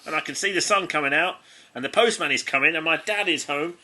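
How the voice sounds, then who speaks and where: Fast and sharp-toned with a fairly high pitch, this English man co-hosts a comedy podcast and reads aloud from a child's stories. He keeps giggling, tripping over lines and breaking off to comment.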